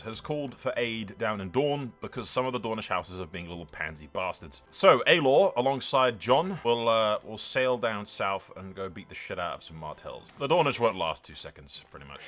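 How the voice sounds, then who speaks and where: This streamer's voice sits fairly low with a slightly bright edge. Narrating a strategy game playthrough on the fly, he tells the tale in character, full of cheerful profanity and everyday slang.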